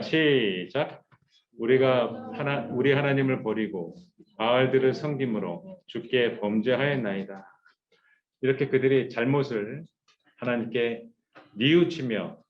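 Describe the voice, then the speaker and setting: Korean pastor preaching to youth, lively. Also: male voice, mid-range voice, highs cut off. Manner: animated, acting out quoted voices, leading group reading. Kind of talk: youth sermon.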